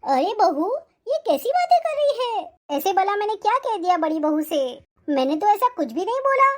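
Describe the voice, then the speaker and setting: A voice actor playing an aging village mother-in-law in an animated moral story, who scolds and then turns tearful and apologetic. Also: very high voice, moderate pace. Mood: defensive. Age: older.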